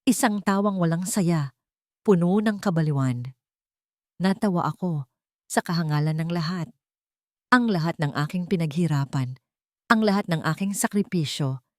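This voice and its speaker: In a clean, echo-free studio recording, a woman with a Filipino accent narrates a scripted, dramatic first-person story. Her voice sits low with a darkish tone, and her delivery is measured and emotive.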